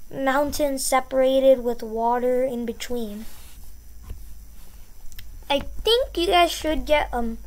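High-voiced, chatty woman explainer. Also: a bit bright. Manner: chatty and encouraging, repeats key words. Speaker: host of an educational channel. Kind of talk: casual explainer.

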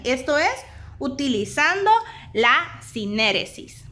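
A woman with a Honduran Spanish accent, giving a recorded grammar lesson and spelling out syllables deliberately. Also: sits high, bright, forceful tone. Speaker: teacher.

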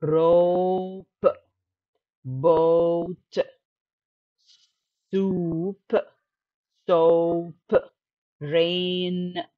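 A woman's voice: lowish voice, husky, dry recording, muffled recording. A woman teaching phonics, mixing English terms into her explanations and checking in with the learner often.

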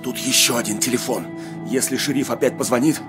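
A man's voice: mid-range voice, a little fast, loud music behind the voice, close to an everyday voice. A man playing an anxious but defiant family man held hostage, in dubbed game drama style. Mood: tense, urgent.

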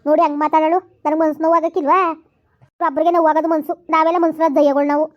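A wounded, self-pitying village mother, played by a woman pours out her grievances in quick, high-pitched rhetorical questions with a rural Karnataka Kannada accent. The recording sounds a little dull and lo-fi. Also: level tone, close to an everyday voice. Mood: aggrieved lament. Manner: complaining, lamenting, rhetorical questions.

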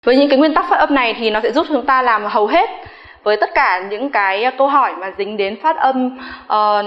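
Woman teacher, slightly high voice, slow careful delivery with repeated drill words, recorded in a reverberant room. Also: highs cut off. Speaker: English teacher. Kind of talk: recorded pronunciation lesson. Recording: echoey room with long reverb.

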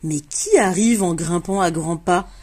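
A woman reading a children's storybook aloud, giving the characters bright, lively voices. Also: lowish voice, a little slow, slightly rough. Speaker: reader of a children's book.

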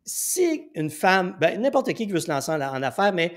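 A man's voice: high-pitched, very animated, moderate pace. A man with a Québécois accent hosting a podcast, chatty and enthusiastic, telling anecdotes with frequent fillers. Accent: Québécois French. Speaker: podcast host. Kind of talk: casual podcast interview.

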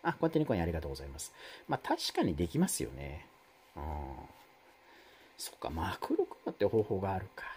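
A man's voice: wildly swooping pitch, fast, a little mellow, slight background noise. A man hosting a live stream, chatting casually with viewers and reading their comments, rambling with many fillers. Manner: rambling, many fillers, wide swings in pitch.

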